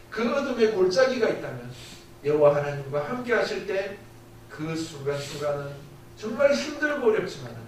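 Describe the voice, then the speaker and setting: Speaking in a fairly high pitch, a missionary delivers a sermon with heartfelt testimony, asking his listeners rhetorical questions. The setting is a church sanctuary, captured from a distance in a heavily echoing hall. There's slight background noise.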